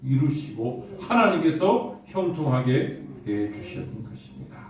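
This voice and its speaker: Lively preaching man in an echoey church. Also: mid-range voice, unhurried, distant mic, slight background noise. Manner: rhetorical questions, lively preaching. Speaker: pastor. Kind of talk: sermon. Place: church sanctuary.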